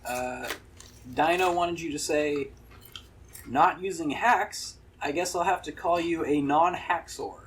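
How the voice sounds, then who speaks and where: A man's voice: a little high, slow, a bit bright. A man hosting a casual podcast chat, laughing often and tripping over his words in a hotel room. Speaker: podcast host. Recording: noisy, distant room recording.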